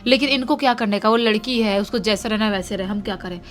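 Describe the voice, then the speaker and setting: A woman's voice: medium pitch, fast, faint music behind. A woman narrating a horror story in a casual, conversational way, repeating lines for emphasis.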